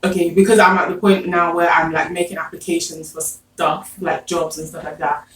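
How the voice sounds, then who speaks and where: A woman's voice: on the low side, flat delivery, moderate pace. A young woman in a casual group discussion, speaking informally and trailing off between thoughts. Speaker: guest. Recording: echoey room, distant mic, faint noise.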